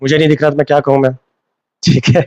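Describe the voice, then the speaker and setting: A man's voice: on the high side, little pitch movement, fast talker, no echo, lo-fi sound. A man teaching a live online class, repeating key terms as questions to his students and mixing in English. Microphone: phone.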